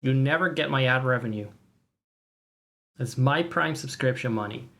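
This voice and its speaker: Swearing freely, a livestream host chats casually with viewers in a sarcastic, mock-boastful way. The voice is mid-range and fairly bright, at a moderate pace.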